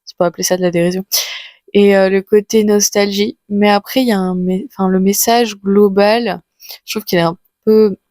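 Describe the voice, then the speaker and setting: A woman's voice: medium pitch, fairly even intonation, moderate pace, mellow, no room sound. A woman in her twenties from France with an Auvergne accent, chatting casually in a vlog with many fillers and restarts. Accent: Auvergne French. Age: 20s. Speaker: vlogger.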